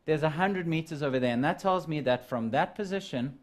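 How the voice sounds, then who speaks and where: A man's voice: on the high side, brisk. A man teaching a live physical sciences lesson, walking students through measurements and calculations and calling them "guys". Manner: step-by-step explaining, addresses students as guys.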